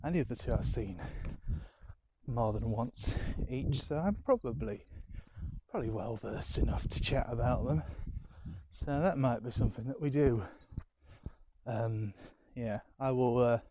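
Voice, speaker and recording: A man with a Yorkshire accent, hosting a diary-style podcast from home, takes his time recounting his weekend with plenty of ums and a self-mocking air. His medium-pitched voice comes through with the highs cut off and some background noise.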